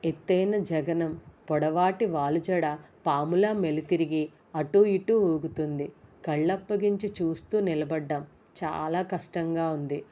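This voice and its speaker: A woman with a fairly low voice reads a romantic story aloud, calm and measured, like a storybook narration. Her tone is mellow and dark rather than bright, and her reading stays steady from line to line.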